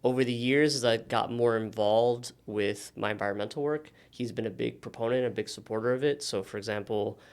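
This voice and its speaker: A man in his thirties from Miami, a native Spanish speaker, telling stories as a podcast guest with relaxed "um" pauses. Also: medium pitch. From Miami, United States. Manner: relaxed storytelling with frequent "um" pauses. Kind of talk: casual interview conversation.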